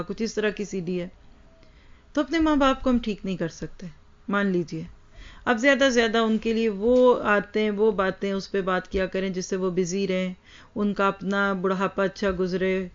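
A woman giving an Islamic lecture, teaching earnestly and addressing her listeners directly, on a slightly dull recording. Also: mid-range voice. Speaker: religious lecturer.

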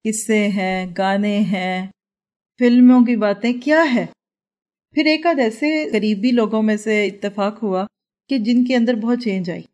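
A woman teaching a religious class to her students in person and online. She tells personal stories and keeps asking rhetorical questions to draw the listeners in. Her pitch and her range both sit in the middle. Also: a little mellow. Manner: storytelling with many rhetorical questions.

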